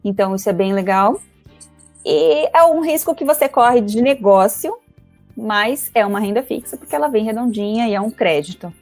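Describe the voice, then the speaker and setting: A woman speaking as a financial advisor guest in a casual interview, talking quickly and chattily with many fillers. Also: medium pitch, expressive, dry recording, faint music behind. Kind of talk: casual interview explaining investments.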